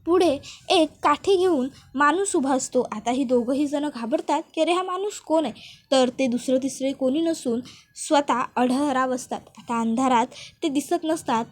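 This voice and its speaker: A woman narrating a recap of a TV serial episode as a brisk storyteller who acts out all the characters. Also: high voice.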